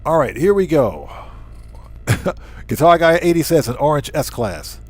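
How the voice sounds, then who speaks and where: With big pitch swings and a measured pace, a man whose voice runs somewhat high hosts a casual gameplay livestream. He narrates the play in exclamations, repeating short phrases to drive his points home.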